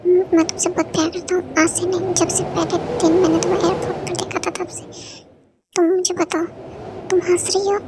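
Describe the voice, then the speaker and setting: A woman's voice: very high voice, level tone, fairly quick, background noise. A woman voicing a heartbroken young man who pleads with his partner, in a fan-dubbed drama. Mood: pleading.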